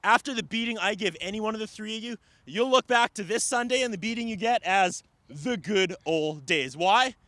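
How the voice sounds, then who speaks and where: A man's voice: high voice, normal speed, hardly any pauses, sharp tone, no echo. A man delivering a wrestling promo, emphatic and indignant, punching out rhetorical questions.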